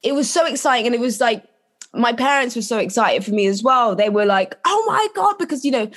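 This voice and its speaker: A woman's voice: fairly high pitch, fairly quick. Chatty London woman, casual storyteller. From London, England. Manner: animated storytelling with quoted asides and casual slang. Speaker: interview guest, actor.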